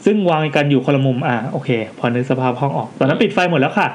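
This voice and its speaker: A man's voice: fairly high pitch, slight background noise. A man co-hosting a casual podcast, reading listener ghost stories aloud with jokey asides. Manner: animated, quick reactions, jokey asides while reading.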